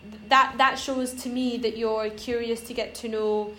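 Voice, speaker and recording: A woman's voice: fairly high pitch, steady tone, moderate pace, bright, forceful tone. A young woman from Iran chatting casually on a podcast, rambling and hesitant with lots of fillers. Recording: roomy echo, faint noise.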